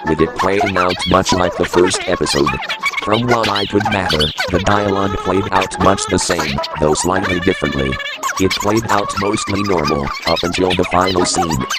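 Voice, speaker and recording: A man's voice: sits low, moderate pace, loud music behind the voice, low-quality recording. A man reading a scripted creepypasta as a first-person narrator. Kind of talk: scripted horror story narration.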